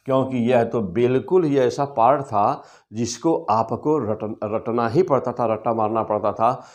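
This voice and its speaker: Middle-aged guy w teaching physics, calls the kids beta a lot, drags out the english topic names. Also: medium pitch. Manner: calls students "beta" constantly, reassuring; reads English syllabus terms slowly and deliberately. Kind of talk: exam syllabus walkthrough.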